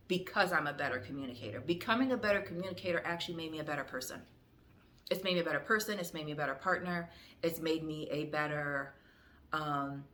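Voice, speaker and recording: A woman's voice: low-pitched, pushed and bright. A young adult woman vlogger talking candidly to the camera, frank and direct, with fillers and restarts. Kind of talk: candid reflective talk to camera.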